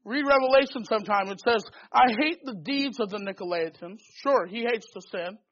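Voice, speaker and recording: Male preacher, very high-pitched, fervent and emphatic, muffled lo-fi sound. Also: normal speed, fairly bright tone. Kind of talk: sermon. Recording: dull lo-fi recording.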